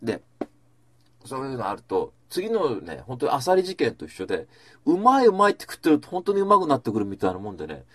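A man's voice: mid-range voice, huge pitch swings, fast, breathy edge, no room sound. A man hosting a casual chat, rambling through stories with asides and acted-out quotes.

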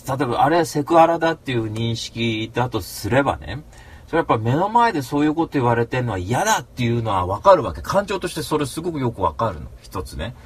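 A man hosting a talk show, telling a rambling story in rough, casual speech and flaring into mock rants. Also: medium pitch, sing-song, fast. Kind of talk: casual monologue.

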